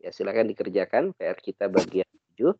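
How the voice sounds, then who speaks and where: A man's voice: deep voice, lively intonation, fairly quick, husky, no room sound, muffled recording. A man with an Indonesian accent teaching an online Arabic class, patiently correcting and translating phrases.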